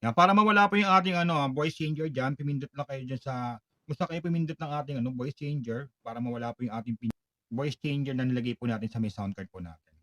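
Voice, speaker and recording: A man giving a product walkthrough tutorial, polite and explanatory, pausing now and then on fillers. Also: medium pitch, pushed and bright, no echo. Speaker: product demonstrator.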